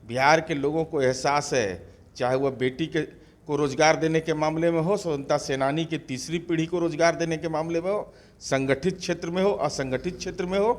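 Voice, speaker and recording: Forceful man firing rhetorical questions. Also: fairly high pitch, moderate pace. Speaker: party spokesperson. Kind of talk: combative political interview answers.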